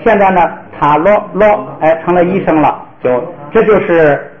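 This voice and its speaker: In a classroom full of students, a male language teacher lectures patiently and step by step, using many fillers. His voice is high-pitched, with lively intonation and a normal speed. The recording is roomy, dull and lo-fi.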